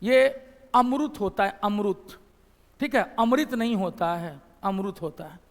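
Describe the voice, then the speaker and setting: A male teacher with a Bihari Hindi accent lectures a class in a very high voice. He explains patiently, repeats key phrases and asks the room questions. The sound carries a long hall reverb. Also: unhurried.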